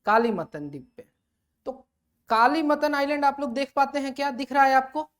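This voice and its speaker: A woman's voice: sits high, moderate pace. A woman teaching a lecture who asks her students questions and then answers them herself, mixing English terms into her explanations. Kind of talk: classroom lecture.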